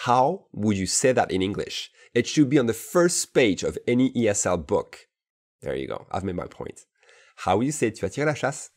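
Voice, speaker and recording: Deep-voiced male teacher, bilingual lesson, casual and repetitive delivery, checks in often. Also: big pitch swings, a little mellow. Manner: explains in French, models English phrases slowly and repeats them; casual asides with frequent "d'accord?" checks. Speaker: English teacher.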